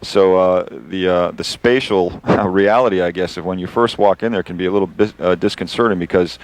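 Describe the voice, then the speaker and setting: A man's voice: low voice, steady tone, a little fast, dry recording. A man, an astronaut, explaining procedures in informal, conversational live commentary as a guest.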